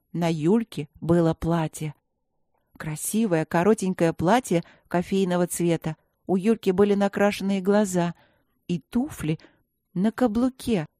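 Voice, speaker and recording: A woman's voice: fairly low pitch, mellow, no room sound, studio quality. Woman narrating a storybook. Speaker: audiobook narrator.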